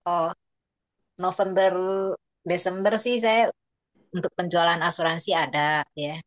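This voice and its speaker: A woman's voice: on the low side, steady tone, a little slow, no room sound. A woman sharing business updates with a prayer group in a casual, matter-of-fact way. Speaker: fellowship member sharing business news. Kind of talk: casual testimony.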